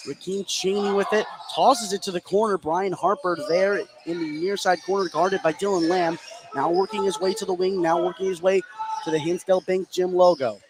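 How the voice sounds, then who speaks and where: Loud gym ambience fills this noisy broadcast as a play-by-play announcer calls a basketball game live from courtside at a school gym. He has a high-pitched voice, fairly even intonation, and a moderate pace.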